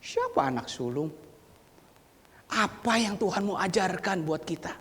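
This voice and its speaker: A male preacher giving a sermon, dramatic and swinging from loud exclamations to near whispers, in a church sanctuary. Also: high voice, expressive, measured pace, husky. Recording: reverberant church hall.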